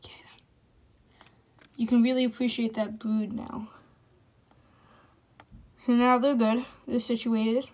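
A young woman chatting casually off camera while filming her ant colony, excitable and sometimes dropping to a whisper. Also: fairly high pitch, a little slow, pauses often. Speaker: ant-keeping vlogger. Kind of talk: casual off-camera vlog narration.

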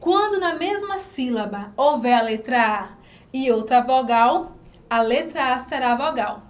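A woman's voice: high voice, lively intonation, a little slow. A woman teacher with a Brazilian Portuguese accent, giving a recorded lesson to children, patiently repeating syllables and asking questions.

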